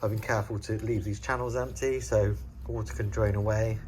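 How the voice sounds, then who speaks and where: A man's voice: on the low side, fairly even intonation, brisk, very noisy. A man hosting a do-it-yourself build video, explaining the work in an informal, casual way. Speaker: DIY bus conversion video host.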